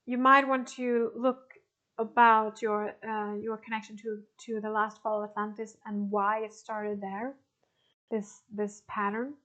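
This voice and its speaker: A woman in her forties, a spiritual teacher talking casually and haltingly to a group, with frequent restarts and soft laughs. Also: mid-range voice, flat delivery, dull audio. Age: 40s. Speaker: spiritual teacher answering participant questions. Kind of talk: casual talk to an online group.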